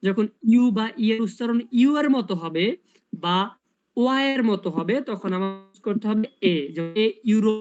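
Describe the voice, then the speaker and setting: A man's voice: high voice, moderate pace, darkish tone, clear, resonant tone, highs cut off, faint music behind. A man tutoring English grammar in a casual online lesson, explaining step by step and asking rhetorical questions.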